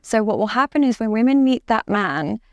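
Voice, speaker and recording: A woman's voice: fairly high pitch, lively intonation, a little fast, no echo, clean studio sound. A woman relationship coach from Dubai, giving assertive explanations in a podcast interview and repeating her key words for emphasis.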